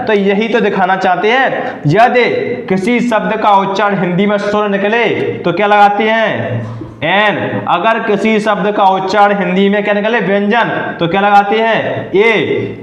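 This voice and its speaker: High-voiced male teacher in an echoey room. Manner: repeats questions and answers them himself. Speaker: English teacher. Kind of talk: classroom lesson.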